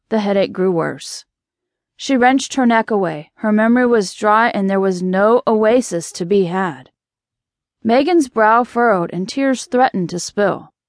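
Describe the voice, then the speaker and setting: A woman narrating an audiobook in a measured, dramatic reading style, close to the microphone. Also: fairly high pitch, no room sound.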